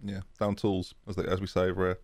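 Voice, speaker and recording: A man's voice: sits low, completely flat delivery, fast, a little mellow, dry recording. A man co-hosting a casual football chat, talking in a chatty way with frequent restarts. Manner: chatty, restarts often with a laugh. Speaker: football podcast co-host.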